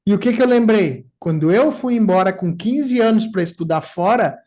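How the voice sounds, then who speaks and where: A neuropsychoanalyst in his forties, speaking with a Gaúcho Portuguese accent from southern Brazil, tells personal stories in casual conversation. His voice is high and his pace normal, and he animatedly acts out quotes as he goes.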